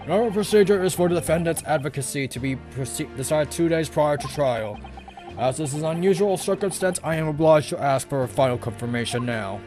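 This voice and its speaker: A man's voice: fairly high pitch, animated, a little fast, darkish tone, soft background music, lightly acted. A man voicing a very old, stern judge in a video game, formal and commanding. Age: very old man, as played. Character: stern old male judge presiding over court.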